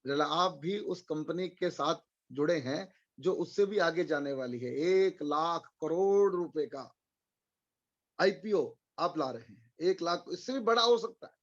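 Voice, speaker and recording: Male motivational speaker, high voice, rhetorical and repetitive, webinar audio a bit muffled. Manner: rhetorical questions, repeats phrases for emphasis. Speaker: motivational speaker for insurance agents.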